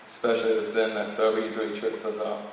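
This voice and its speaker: A fast-talking young man, about eighteen, reads a prepared podium speech as the student valedictorian, with a stumble here and there. His pitch is fairly low and his delivery monotone. The sound is that of a large, highly reverberant hall with an audience, captured by a distant mic with faint noise.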